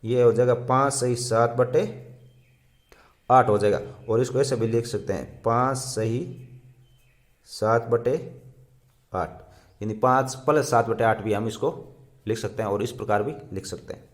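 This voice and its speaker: Man teaching kids math, slow and patient, counts everything out loud. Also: mid-range voice. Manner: counts aloud slowly, repeats each step. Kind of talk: slow step-by-step math lesson.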